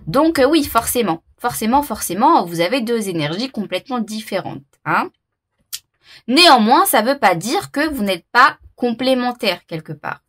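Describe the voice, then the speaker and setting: Woman tarot reader, casual to-camera talk, halting, full of fillers and self-laughs. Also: on the high side, sing-song, a bit bright, slightly rough. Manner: hesitant, many fillers and repeats; laughs at herself.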